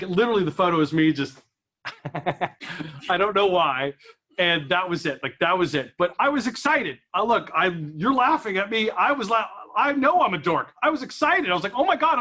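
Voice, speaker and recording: A male comedian working a small live room, his voice pitched high and ringing bright. He tells a self-deprecating story in a lively way and plays out his own thoughts in quoted asides. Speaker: stand-up comedian. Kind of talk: stand-up comedy set.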